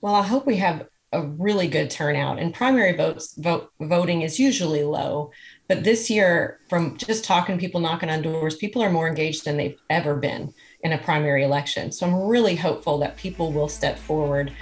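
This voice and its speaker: A woman's voice: low-pitched, fairly quick. A woman, a political candidate speaking earnestly and plainly as a TV interview guest. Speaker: state senate candidate, guest.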